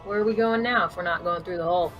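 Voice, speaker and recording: A woman's voice: lowish voice, rapid-fire, muffled recording. A woman playing a tabletop game, chatting casually with music behind her.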